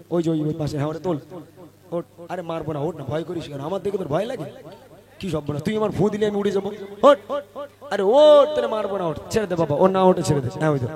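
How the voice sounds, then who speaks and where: Man, high voice, teasing, coaxing, strained voice, live event, crowd noise. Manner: teasing, coaxing, loud calls. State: strained voice from long shows. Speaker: gojol singer hosting a religious event. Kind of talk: playful stage talk to children. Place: live gathering.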